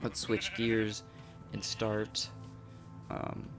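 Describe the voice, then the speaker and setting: A man with a raspy, allergy-hoarse voice giving casual gameplay commentary, thinking aloud and correcting himself as he goes. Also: on the low side, monotone, extremely slow. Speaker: gameplay channel host. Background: loud music.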